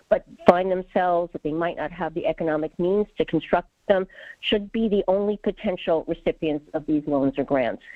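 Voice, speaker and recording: Calling in over a tinny, clipped phone line with no room sound, a woman offers the board a sincere, formal public comment. Her pitch is fairly low.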